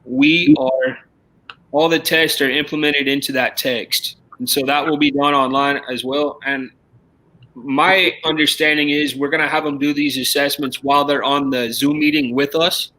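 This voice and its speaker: Male teacher on a live stream, bright tense voice, kinda high. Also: fairly even intonation, normal speed, rough recording. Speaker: teacher guest. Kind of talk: casual chat on a live stream.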